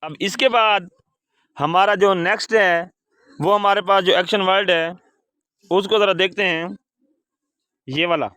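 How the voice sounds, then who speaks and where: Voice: medium pitch, fairly even intonation, a little slow, pauses often, a bit bright, no echo, studio quality. A teacher leading an English lesson, spelling words letter by letter and having the pupils repeat them. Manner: addresses pupils as "beta". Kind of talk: call-and-response English lesson.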